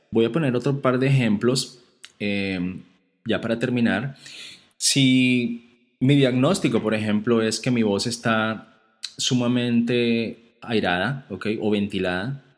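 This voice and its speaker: Man teaching singing exercises. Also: medium pitch. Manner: explanatory, frequent tag questions; sings short vocal exercise demos. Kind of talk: instructional vocal lesson.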